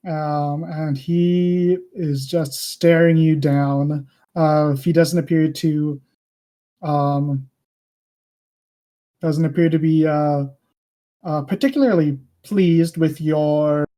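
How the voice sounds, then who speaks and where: A woman's voice: deep voice, steady tone, drawn-out words, long pauses, mellow. A woman narrating a tabletop game as game master, hesitant, with many fillers and restarts.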